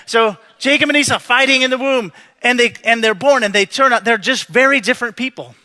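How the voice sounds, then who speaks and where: A male pastor delivers a sermon like a casual storyteller, joking with the congregation and restarting his sentences often. His voice sits high for a man and sounds bright and forward. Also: fairly quick.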